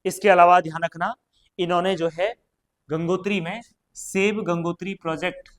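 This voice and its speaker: A man's voice: sits high, steady tone, moderate pace. A man teaching an exam prep lesson, quizzing students and repeating each question and answer, chatty and addressing them directly. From Uttarakhand, India.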